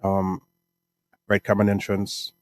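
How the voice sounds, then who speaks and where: A middle-aged Guyanese man with a Guyanese accent, answering interview questions about his life in a relaxed, rambling way, often tagging "right?" onto his sentences. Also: lowish voice, slow, dry recording. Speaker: music artist and producer.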